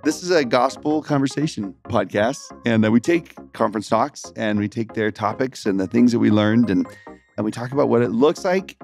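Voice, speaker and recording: Man, gravelly voice, joking podcast host, laughs often, middle pitch. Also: moderate pace, a little mellow, soft background music. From Texas. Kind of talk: casual gospel podcast chat.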